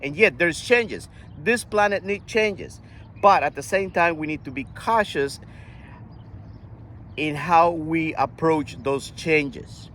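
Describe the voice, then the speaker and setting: Earnest older man, higher voice. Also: fairly bright tone, a little hiss or hum. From Costa Rica. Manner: earnest, halting with restarts. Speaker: vlogger. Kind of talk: casual monologue.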